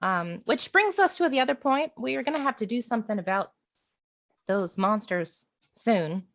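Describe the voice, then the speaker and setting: A woman's voice: fairly high pitch, expressive, moderate pace, a bit bright. Woman as a reassuring, diplomatic lady adventurer. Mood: earnest. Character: polite noble lady adventurer, reassuring and earnest.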